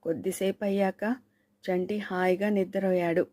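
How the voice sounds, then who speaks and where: A woman narrating a suspense novel in a measured, storytelling manner. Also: medium pitch, level tone, a little mellow, no room sound. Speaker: audiobook narrator.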